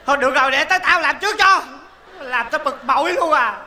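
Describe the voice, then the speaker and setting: A man's voice: extremely high pitch, fast, full character voice. An actor playing a broke male folk-opera actor in a stage comedy sketch, teasing and exasperated. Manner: teasing, exasperated, loud and playful. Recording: echoey hall stage recording.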